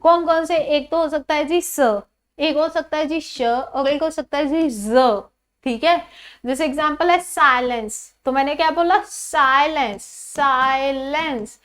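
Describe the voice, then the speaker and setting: A woman teaching English pronunciation to a class. She asks questions and answers them herself, and repeats each example word slowly. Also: high voice. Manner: calls the pupils "children", says "ji" often.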